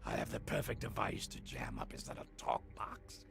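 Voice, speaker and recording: Casting: mocking, bossy video game schemer, deep heavy rasping creak, vengeful and crude. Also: male voice, big pitch swings, moderate pace, music in the background, full character voice. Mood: scheming. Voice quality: gravelly. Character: gruff, foul-mouthed scheming schemer out for revenge. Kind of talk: video game character acting.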